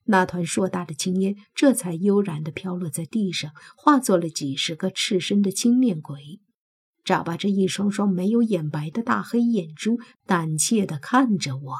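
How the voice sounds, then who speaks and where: Husky-voiced woman narrating a novel. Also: on the low side, expressive, normal speed, a little mellow. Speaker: audiobook narrator. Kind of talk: first-person novel narration.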